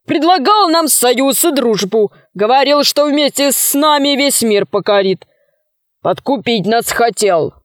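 A woman's voice: a little high, lively intonation, measured pace, dry recording, clean studio sound. A woman voicing a sly, mock-polite male robber chief in a storybook reading.

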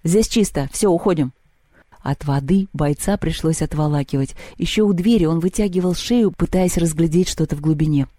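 Mellow woman reading a storybook. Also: low-pitched, fairly quick, few pauses, dry recording, clean studio sound. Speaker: audiobook reader. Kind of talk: storybook narration.

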